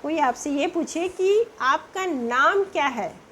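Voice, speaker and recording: Slow, high-voiced woman teacher. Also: animated, fairly bright tone, a little hiss or hum. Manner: spells words letter by letter, drawn out. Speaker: English teacher. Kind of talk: slow spelling-out lesson.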